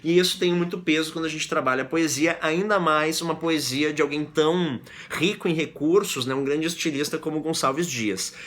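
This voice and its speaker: Bright-voiced man teaching literature. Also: a little high. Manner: explains with frequent "né?" and reads verses aloud slowly. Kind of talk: lecture with poetry reading.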